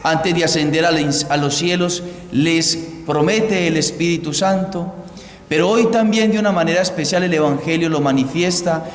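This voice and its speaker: A man, a priest, reading the Gospel and preaching a Pentecost homily in a slow, measured liturgical way, with a cathedral echo. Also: fairly high pitch, steady tone. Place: large church. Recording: echoey church hall, faint background hiss.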